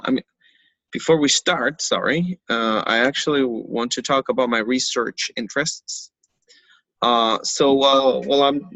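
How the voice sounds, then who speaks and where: A man's voice: mid-range voice, sharp tone, no room sound, rough recording. A young man from Argentina, an English teacher, introducing himself in an online lesson with many hesitations and fillers.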